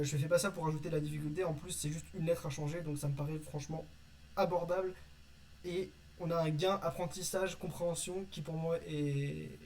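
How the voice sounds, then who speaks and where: Man, casual vocabulary lesson, hesitant with fillers, slightly high voice, faint background noise. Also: a little mellow, low-quality recording. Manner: reads word lists, hesitant with many "euh". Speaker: conlang teacher.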